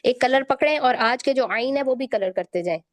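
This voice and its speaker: A woman with a somewhat high voice gives a recitation lesson. She speaks patiently, stretching each example sound, and checks in often with her students. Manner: patient, drawn-out example sounds, frequent "theek hai". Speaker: Quran recitation teacher. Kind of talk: tajweed lesson.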